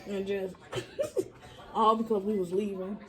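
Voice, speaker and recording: A soft-spoken woman answering questions quietly in a casual family chat. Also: mid-range voice, big pitch swings, takes it slowly, low-quality recording. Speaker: host's sister. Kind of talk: casual conversation.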